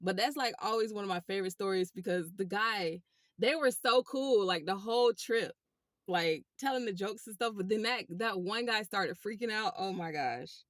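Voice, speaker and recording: A woman telling a rideshare story to her viewers in a casual, animated way. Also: mid-range voice, normal speed, no room sound, studio quality. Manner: animated, chatty, addresses viewers as y'all. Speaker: rideshare driver vlogger.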